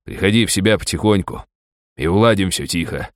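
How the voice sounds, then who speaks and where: A man voicing a sly young bully who speaks in a low, placating, quietly threatening way. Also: a little fast, no room sound, clean studio sound, close to an everyday voice.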